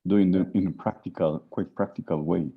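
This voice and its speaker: Guy on a call, really deep and husky, careful speech. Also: steady tone, fairly quick, narrow, tinny audio. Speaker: discussion participant. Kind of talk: video call discussion.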